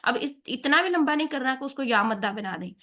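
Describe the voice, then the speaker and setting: A woman teaching tajweed, who explains each rule patiently, checks in with her learners often and slows down to recite the examples. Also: high voice, lively intonation, pushed and bright. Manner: patient, checks in with "theek hai?" after each point.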